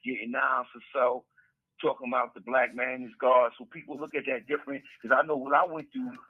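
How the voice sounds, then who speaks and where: Calling in from prison on a telephone handset, a middle-aged author guest gives a casual storytelling interview in a brisk, mid-range voice with a breathy edge. The recording is dry yet tinny, and his talk rambles with repeated words and street slang.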